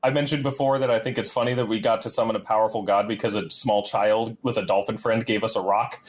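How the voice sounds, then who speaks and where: A man's voice: on the low side, steady tone, fast talker. A man co-hosting a casual, informal group chat about a video game, throwing in quotes and the odd swear. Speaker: podcast co-host.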